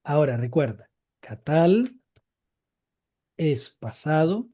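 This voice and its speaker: A man's voice: fairly high pitch, sing-song, slow pace, dark tone, muffled recording. A man teaching a live Biblical Hebrew grammar class, explaining patiently and repeating each key point.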